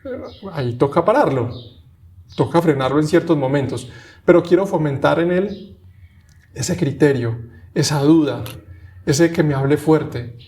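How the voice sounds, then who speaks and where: Man, 30s, podcast co-host, measured and reflective, voice on the high side. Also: darkish tone. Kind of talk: casual conversation.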